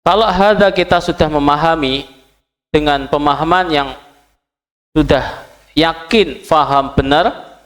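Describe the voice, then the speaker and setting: Teaching Arabic to a class, a man with a fairly bright, higher voice works at a measured pace with long pauses, patiently voicing and translating each phrase. He frequently makes sure the students keep up, testing them with brief questions.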